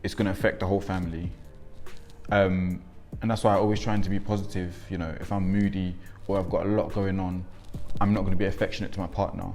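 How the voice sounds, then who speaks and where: Speaking fast in a deep, slightly mellow voice with little pitch movement, this interviewee is a young father in his twenties. Born in Congo and raised in England, he reflects with frequent ums in a documentary, faint music behind him.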